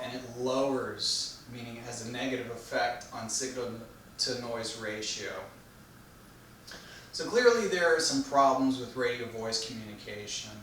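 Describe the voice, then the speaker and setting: A man delivering an explanatory technical speech in a measured, didactic manner, posing questions and then answering them. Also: mid-range voice, a bit bright. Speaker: presenter giving an informational speech. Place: echoey room, recorded from a distance. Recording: very echoey room, distant mic, faint noise.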